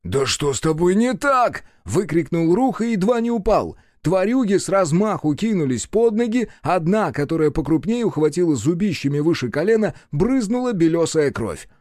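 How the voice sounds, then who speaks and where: A man reading scripted narration for an audiobook in a lively, expressive way. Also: a little high, dry recording, studio quality.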